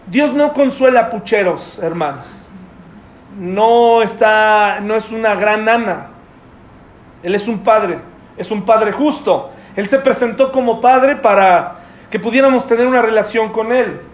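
A middle-aged pastor with a strikingly high voice delivers a conversational sermon, peppering it with rhetorical questions to his congregation. He sounds like he's speaking in a church hall, and the sound bounces around the room over a faint background hiss. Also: takes it slowly. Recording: echoey room with faint noise.

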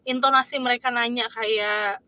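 A woman's voice: fairly high pitch, fairly even intonation, moderate pace, sharp tone, dry recording. A young woman from Indonesia chatting casually, telling stories and acting out what others said. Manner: chatty, storytelling with acted-out quotes. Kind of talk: casual chat.

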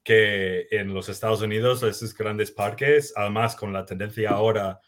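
A man from the United States, a guest on a podcast, talking casually and relaxed, slipping fillers into his Spanish. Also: on the low side, moderate pace. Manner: relaxed, laughs easily, slips in English fillers. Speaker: guest, theme park enthusiast.

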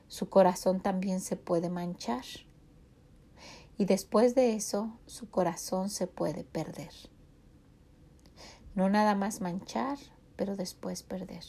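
A middle-aged woman with a Mexican Spanish accent delivers a devotional sermon in a warm, mellow voice. She speaks earnestly to the listener, pressing them with direct rhetorical questions. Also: medium pitch, vocal fry.

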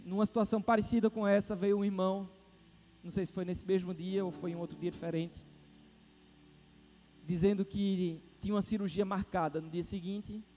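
A man's voice: sits high, flat delivery, brisk, mellow. A man preaching a sermon, telling a story animatedly with exclamations and acting out the dialogue. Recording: long reverb of a hall, faint music.

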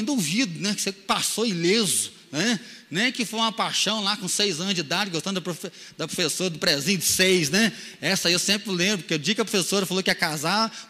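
A man in his thirties preaching a sermon as a pastor, telling a personal story with swings between loud and hushed. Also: high voice, big-room sound.

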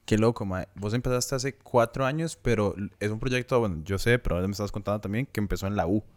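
A man's voice: lowish voice, quick pace. A Costa Rican man hosting a casual chat, joking and asking loose questions. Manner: casual, brief reactions, joking. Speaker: podcast host.

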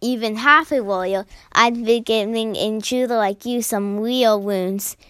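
A woman's voice: a little high, unhurried, a bit bright, clean tone, no echo, clean studio sound. A woman voicing a cheerful, chatty young male cat apprentice in a storybook reading.

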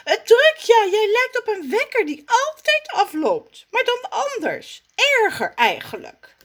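A snappy female cat from a children's storybook, her voice pitched very high and shrill. She sounds whiny and fed up, with a wobbly, tearful edge. The pitch swings a lot from word to word. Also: huge pitch swings, measured pace, fairly bright tone, full character voice. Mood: exasperated.

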